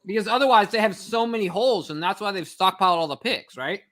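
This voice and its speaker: High, bright-voiced man, excitable sports talk. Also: quick pace. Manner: excitable, questioning, playful. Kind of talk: casual draft-night chat.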